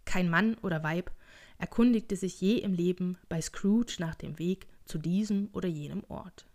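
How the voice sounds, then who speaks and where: A woman narrating a classic story as an audiobook, measured and expressive. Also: fairly low pitch.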